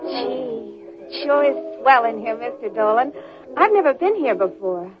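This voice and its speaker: A woman's voice: a little high, animated, measured pace. An actress playing a cute, naive, chatty young secretary with gee-whiz girlishness, in 1940s radio drama style. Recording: dull lo-fi old radio recording. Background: music.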